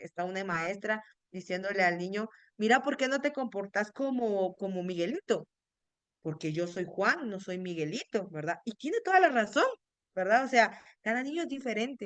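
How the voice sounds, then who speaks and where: A woman's voice: mid-range voice, a bit bright, no echo. A woman neuropsychologist leading a parenting workshop, explaining earnestly to parents and tagging almost every phrase with a questioning "right?". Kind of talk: online workshop talk.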